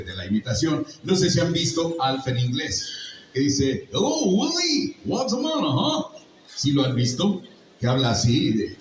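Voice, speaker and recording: A man's voice: medium pitch, slight background noise. An older man with a Mexican accent tells stories to a live audience in a chatty, joking, teaching way. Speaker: voice actor guest on a convention panel. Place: large echoey convention hall. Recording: echoey hall, voice from far off.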